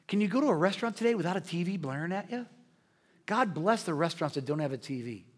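Pastor preaching, loud to hushed. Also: male voice, high voice, lively intonation, fast. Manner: swings from loud preaching to hushed near-whispers. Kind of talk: sermon. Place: church sanctuary. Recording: long hall reverb.

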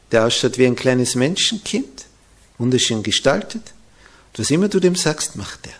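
Slow, breathy preacher man with dramatic hushes. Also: mid-range voice. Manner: dramatic, swinging between loud emphasis and hushed whispers. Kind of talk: sermon.

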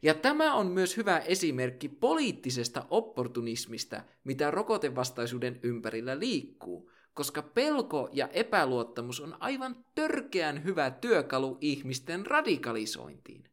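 A male podcast host reads his script with emphatic energy and playful asides. His voice sits somewhat high for a man and swings widely in pitch. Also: big pitch swings, few pauses.

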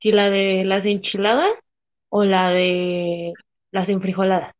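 A woman's voice: mid-range voice, unhurried. A young woman with a Mexican accent, chatting casually as a co-host, telling stories full of slang and swearing. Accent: Mexican Spanish. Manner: slangy, swearing, animated storytelling. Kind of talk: casual chat. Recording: tinny phone-like sound.

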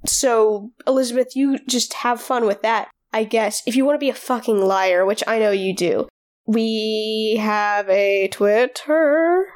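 A woman's voice: fairly high pitch, normal speed, hardly any pauses. Rambling woman podcast co-host. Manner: rambling, full of fillers and restarts. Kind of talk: casual chat.

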